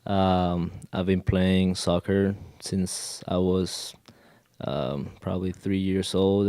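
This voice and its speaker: A young man from Colombia talks slowly and hesitantly in English, his second language, stopping often to find his words. His voice sits fairly low and sounds smooth and clear, and the recording is dry and close. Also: warm tone, no room sound. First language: Spanish. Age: 20s. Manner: hesitant, many fillers and restarts. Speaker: guest, college student. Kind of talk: casual interview.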